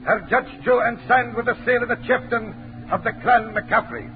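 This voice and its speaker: An actor in 1940s radio drama playing a stern clan official who proclaims a sentence of burning. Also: male voice, very high-pitched, steady tone, moderate pace, over loud music. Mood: proclaiming. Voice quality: commanding, declamatory. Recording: tinny noisy old radio broadcast.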